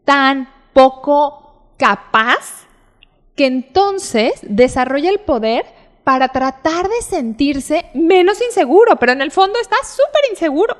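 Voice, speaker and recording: Brief: woman, high voice, animated expert explainer, reverberant hall sound. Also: measured pace. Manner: animated, explains child behavior with acted examples. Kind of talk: explanatory talk show chat.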